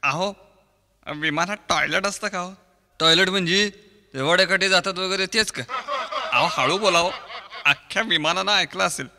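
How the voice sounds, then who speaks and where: A Marathi-accented man performs a fast comic sketch and keeps jumping from one impersonated voice to the next. His voice sits fairly high and carries a long reverb from a live stage. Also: pushed and bright. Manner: switches quickly between impressions of film actors. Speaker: mimicry artist. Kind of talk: mimicry comedy sketch with many voices.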